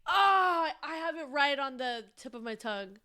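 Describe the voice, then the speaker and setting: Brief: female podcast co-host, casual sports chatter, bright-pitched and smooth, dry close sound, lots of "like" and cursing. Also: expressive, moderate pace, no room sound. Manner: rambling, swears freely, many fillers.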